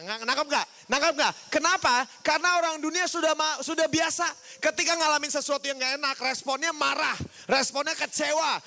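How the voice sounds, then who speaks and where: A young man preaching to a youth group, lively, often asking the crowd "right?" and mimicking people with bleep sounds. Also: extremely high pitch. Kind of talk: youth sermon.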